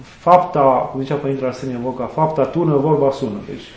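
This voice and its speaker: A middle-aged man, an Orthodox priest, telling earnest stories in a conversational interview and quoting sayings and saints. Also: mid-range voice. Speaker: Orthodox priest and student chaplain. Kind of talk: conversational interview, reflective storytelling. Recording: echoey room.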